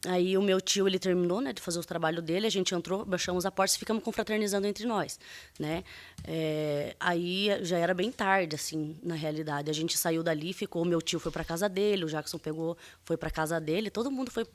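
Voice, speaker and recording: A woman testifying as a defendant in court, speaking in a halting, earnest way with many fillers and restarts. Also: on the low side.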